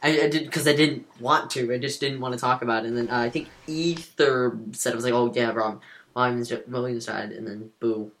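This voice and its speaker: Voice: mid-range voice, steady tone, a little fast, fairly bright tone. A podcast co-host chatting casually, rambling and restarting sentences as they tell a story. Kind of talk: casual chat.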